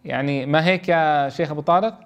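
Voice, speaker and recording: High-voiced man teaching a Quran lesson. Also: smooth, dull audio. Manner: reads quoted text slowly, then explains quickly, often checking with listeners. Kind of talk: explaining a classical text in a lesson.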